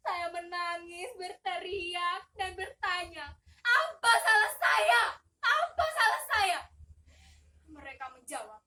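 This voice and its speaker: A woman's voice: high-pitched, unhurried, long pauses, pushed and bright. A woman playing an anguished, abused migrant worker. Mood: anguished, sobbing. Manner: impassioned, cries out and sobs. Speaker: student actor. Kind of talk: theatrical stage monolog. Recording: distant mic.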